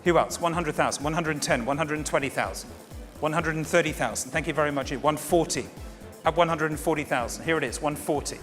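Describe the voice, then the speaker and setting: A man's voice: on the high side, fast talker, a bit bright. Courteous male fine art auctioneer, music behind. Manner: courteous, formal, repeating bids as he addresses the room. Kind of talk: live fine art auction bidding patter. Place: auction saleroom.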